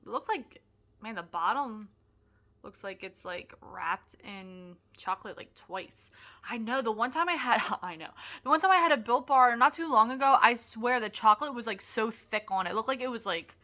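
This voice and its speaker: Bright-voiced chatty young woman. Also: fairly high pitch, moderate pace. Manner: chatty, excitable, lots of "like" and restarts. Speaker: product reviewer. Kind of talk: casual review vlog.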